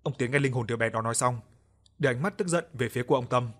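A man narrates an audiobook horror story in a steady, measured way. His voice sits at an ordinary middle pitch. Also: soft background music.

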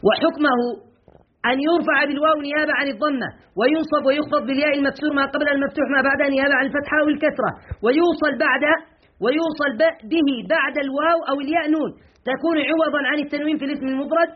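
High-voiced, fast-talking male teacher. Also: steady tone, lo-fi sound. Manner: quizzes students with questions, then answers them himself; stern with students, scolds them. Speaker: teacher of a grammar class. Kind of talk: classroom lesson, explaining and reading from a textbook. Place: classroom with students.

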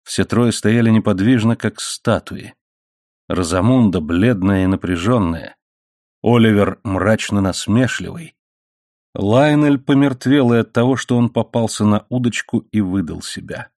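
A man's voice: on the low side, a little mellow, no echo. Man narrating an audiobook, dry close sound. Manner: measured, dramatic storytelling. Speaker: audiobook reader.

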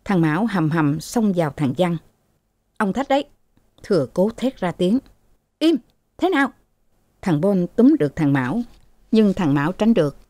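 A woman narrating a novel for a radio story program, steady and measured, close to a studio mic. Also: lowish voice, dry recording. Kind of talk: audiobook narration.

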